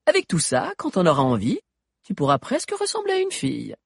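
A man's voice: sits high, huge pitch swings, brisk, gravelly, breathy edge, no room sound, studio quality, pitched above the performer's own voice, full character voice. A man voicing a bubbly, teasing teenage girl in an audiobook, with a playful, lilting delivery. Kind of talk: audiobook character voice.

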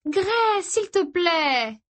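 A woman's voice: high voice, moderate pace, fairly bright tone, pitched above the performer's own voice. A woman voicing a playful, pushy teenage girl in an audiobook. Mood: coaxing. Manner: coaxing, wheedling.

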